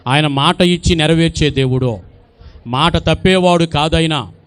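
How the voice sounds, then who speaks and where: A man preaching an Easter sermon as pastor. He speaks emphatically, repeats his phrases, asks the congregation questions and builds to loud exclamations. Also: a little high, a little slow, smooth. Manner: addresses the congregation directly with questions.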